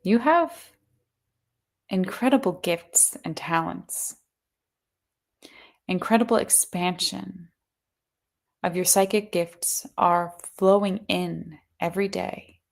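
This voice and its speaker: A woman acting as a seance medium in trance, voicing a serene collective of spirits in measured, solemn pronouncements. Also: on the low side, creaky. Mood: solemn, encouraging. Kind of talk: trance channeling message.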